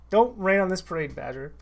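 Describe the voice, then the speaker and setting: A man's voice: high voice, gravelly. A man hosting a casual live-stream show, loose and joking, swearing freely.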